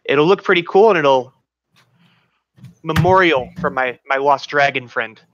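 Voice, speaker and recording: A man's voice: fairly high pitch, a little slow, fairly bright tone. A man playing a tabletop game casually, talking in a hesitant, upbeat way. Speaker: player. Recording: dull lo-fi mic.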